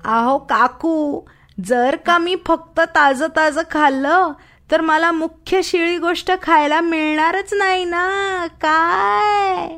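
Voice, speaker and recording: A woman voicing a small, playful, greedy female pig in a storybook, with a squeaky, high sing-song voice. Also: fairly even intonation, slow, fairly bright tone, soft background music, exaggerated voice. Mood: cheeky.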